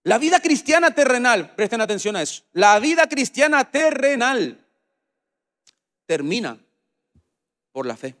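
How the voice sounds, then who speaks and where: A male pastor with a Paraguayan Spanish accent preaching a sermon, swinging between quiet, low passages and loud, repeated calls to his listeners. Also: very animated, unhurried, pauses often.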